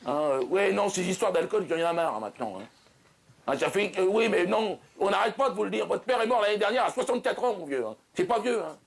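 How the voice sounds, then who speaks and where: A man's voice: sits high, expressive, a little fast, vocal fry, exaggerated voice. A man playing an exasperated middle-aged doctor on a night call, chatty and impatient, talking over everyone in a one-man comic sketch.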